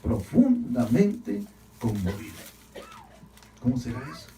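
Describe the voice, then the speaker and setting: A male pastor preaching a sermon, swinging from loud, emphatic lines to hushed ones, repeating phrases and calling on the congregation to answer. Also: medium pitch, wildly swooping pitch, takes it slowly, roomy sound, distant mic, noisy background. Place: church hall.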